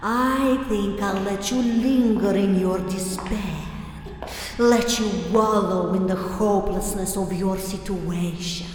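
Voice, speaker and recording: A woman's voice: mid-range voice, steady tone, slow pace, heavy reverb, long reverb tail, faint music behind, natural voice. A woman voicing a cold villain, silky and taunting. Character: cold Russian villain savoring cruelty.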